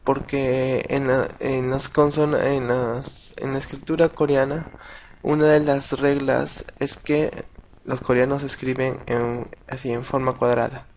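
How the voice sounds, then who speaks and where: A man teaching a casual video lesson, patient and halting, with many restarts and repeated words. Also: medium pitch, flat delivery, darkish tone, a little hiss or hum. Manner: patient, addresses viewers directly. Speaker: language teacher.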